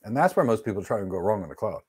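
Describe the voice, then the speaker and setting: A middle-aged man teaches networking on a live stream from an indoor studio with a virtual backdrop, fielding viewer questions bluntly, emphatically and matter-of-factly. His voice sits on the low side, darkish and slightly rough, with a sing-song lilt and a very fast delivery.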